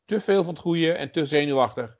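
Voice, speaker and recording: A man's voice: fairly high pitch, a little fast, vocal fry. Male podcast co-host, casual and rambling, muffled lo-fi audio. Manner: rambling, many fillers and restarts. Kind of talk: casual chat about retro games.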